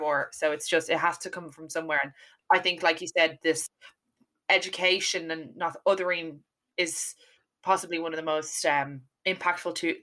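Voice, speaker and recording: A woman's voice: sits low, bright, forceful tone. A young woman with an Irish accent, speaking earnestly and emphatically as a podcast host discussing current affairs.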